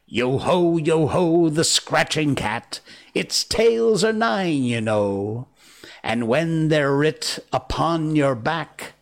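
A man's voice: mid-range voice, expressive, slow pace, a bit bright. A man voicing a menacing storybook pirate captain in a grand, mock-polite, threatening manner. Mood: villainous glee. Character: menacing pirate captain, theatrical, purring yet thunderous villain.

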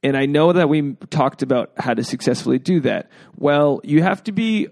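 A man's voice: fairly high pitch, animated, moderate pace, vocal fry, darkish tone. A man hosting an advice podcast in a casual, rambling way, with jokey asides. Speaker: podcast host. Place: indoors at home.

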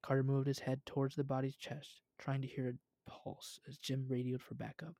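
A man's voice: mid-range voice, completely flat delivery, moderate pace, warm tone, no echo, studio quality. A young man reading a story aloud at home, casual, with asides.

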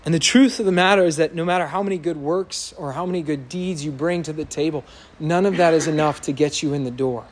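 With slight background noise, a pastor gives an earnest, emphatic sermon in a church sanctuary. He's loud and a little high-voiced, moving at a quick pace and surging to impassioned peaks.

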